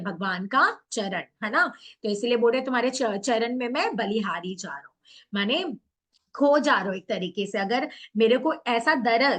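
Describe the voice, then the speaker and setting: A woman's voice: a little high, fairly bright tone. A woman teaching a class online, explaining a poem line by line, mixing in English words and asking questions she answers herself. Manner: mixes English words into Hindi. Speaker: Hindi teacher.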